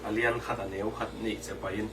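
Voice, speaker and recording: A man preaching a sermon with lively delivery, dropping English terms into his talk. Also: lowish voice, rapid-fire. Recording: distant mic with faint background noise.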